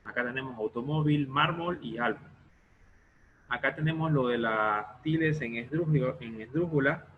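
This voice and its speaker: A man's voice: medium pitch, normal speed, narrow, tinny audio, slight background noise. A male teacher explaining a lesson step by step in an online class, often stopping to check that students follow.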